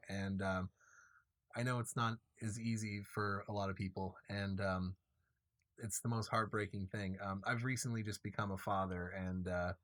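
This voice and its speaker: A man in his twenties hosting a live Q&A, talking in a halting way with many fillers and restarts. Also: fairly low pitch, fairly bright tone, no echo. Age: 20s. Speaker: host and filmmaker. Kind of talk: live Q&A chat.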